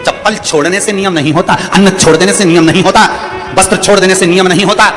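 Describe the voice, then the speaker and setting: A man's voice: high voice, fairly even intonation, fast talker. A man from India preaching a devotional sermon, impassioned and rhetorical, repeating his phrases and calling out to the crowd. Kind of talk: devotional sermon with sung verses. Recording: echoey hall with long reverb and music.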